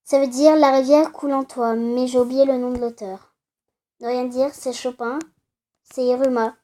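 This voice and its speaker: High-voiced woman chatting over a game. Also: fairly even intonation, normal speed, mellow. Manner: chatty, teasing asides to viewers. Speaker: let's play gamer. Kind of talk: casual game commentary.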